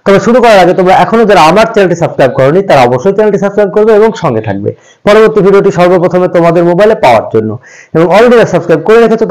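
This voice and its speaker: Male tutor, fairly high voice with very animated pitch, patient and repetitive delivery for beginners. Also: rough recording. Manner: patient, addresses viewers as friends, repeats examples slowly. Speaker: English teacher. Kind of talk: pronunciation lesson for beginners.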